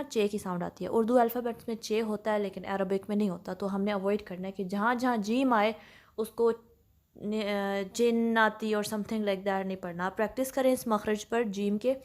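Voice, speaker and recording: A woman's voice: medium pitch, steady tone, moderate pace, a little mellow. A woman teaching a step-by-step recitation lesson in Urdu with English terms mixed in, explaining patiently and checking in often. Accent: Pakistani Urdu. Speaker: tajweed teacher.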